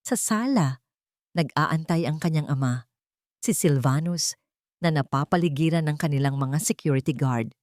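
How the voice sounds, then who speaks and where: A woman with a Filipino accent narrates a dramatic scripted story in a low, slightly mellow voice at normal speed. The audio is studio quality with no room sound.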